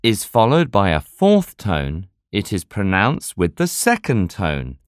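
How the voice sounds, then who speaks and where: A narrator delivers a scripted pronunciation lesson at an unhurried, deliberate pace. The intonation swings widely from high to low, and the recording is dry and close. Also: huge pitch swings, no room sound. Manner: slow, measured, very varied intonation. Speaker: language teacher.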